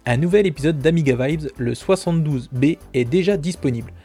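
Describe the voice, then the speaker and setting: A man hosts a casual podcast news roundup in a husky, mellow voice. He talks in a chatty way, full of fillers, and cracks self-mocking asides. Faint music plays underneath. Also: a little high, fairly quick. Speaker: podcast host.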